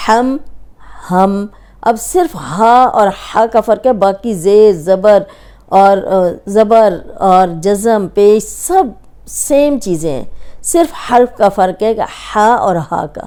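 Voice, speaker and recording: Smooth-voiced woman teaching Quran recitation. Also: mid-range voice, dark tone. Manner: patient explaining, drawing out letter sounds to demonstrate. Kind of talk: recorded tajweed lesson.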